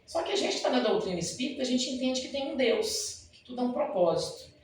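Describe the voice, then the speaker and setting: A man's voice: very high voice, expressive, fairly quick, slight background noise. A man, a dentist, giving a spoken lecture and telling stories, often addressing the audience directly. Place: lecture hall at a spiritist center. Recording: very echoey hall, mic far off.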